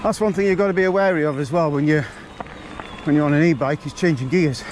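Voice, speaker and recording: A man's voice: on the high side, quick pace, slight background noise. A man, a bit out of breath, chatting bluntly to camera while riding an e-bike up a forest trail. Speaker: mountain biking vlogger.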